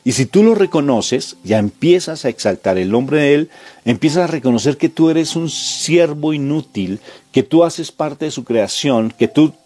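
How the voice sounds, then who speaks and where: A man's voice: a little high, animated, normal speed, dark tone. A man preaching a sermon, emphatic and full of repeated rhetorical questions.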